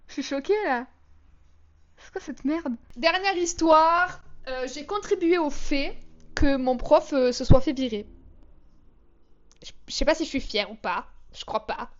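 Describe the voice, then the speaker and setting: Young girl w/ doing a storytime vlog, high voice, kinda dull lo-fi sound, slangy and dramatic. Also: measured pace, pauses often. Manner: chatty, slangy, dramatic retelling. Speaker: vlogger.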